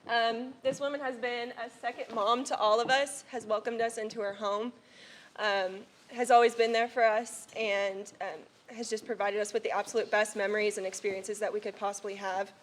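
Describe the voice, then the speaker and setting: A woman's voice: on the high side, little pitch movement, moderate pace. A young woman giving an emotional tribute to her coach, tearful and nervously laughing with many ums. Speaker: college cheer team member. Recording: noisy livestream audio.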